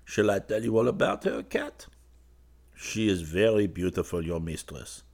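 A man voicing a drowsy young painter who murmurs softly and dreamily to a cat. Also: low-pitched, normal speed, creaky. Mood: dreamy. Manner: soft, dreamy, musing.

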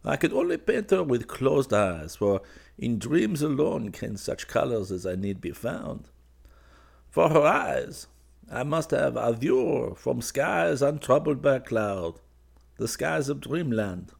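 A man voicing a drowsy young painter who murmurs softly and dreamily to a cat. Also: medium pitch, very animated, slow, creaky, voice pushed up, exaggerated voice. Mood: dreamy. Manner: soft, dreamy, musing.

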